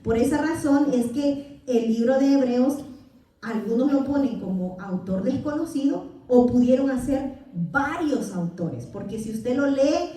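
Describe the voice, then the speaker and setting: A woman's voice: sits high, warm tone. A Salvadoran woman teaching a church Bible class, quizzing her listeners and answering with amen. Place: church hall. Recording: echoey church hall from far off.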